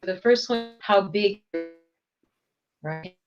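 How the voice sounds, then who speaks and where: Woman meeting participant on a choppy video call whose voice drops in and out, halting delivery, muffled lo-fi line. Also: mid-range voice. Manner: halting, broken-off phrases. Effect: choppy video-call audio cutting in and out. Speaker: participant in an online group meeting. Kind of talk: casual discussion. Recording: dull lo-fi call audio, faint music.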